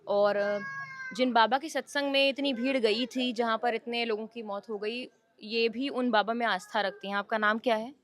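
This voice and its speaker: A woman's voice: fairly high pitch, fairly even intonation, moderate pace, fairly bright tone. A woman reporter asking interviewees probing questions in the field.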